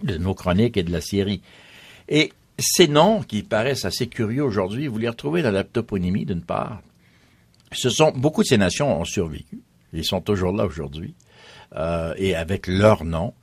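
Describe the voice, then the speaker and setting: Deep-voiced man explaining history. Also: expressive, moderate pace, slightly rough, no room sound. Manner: explanatory, lists names at length. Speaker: history guest. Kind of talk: radio interview explanation.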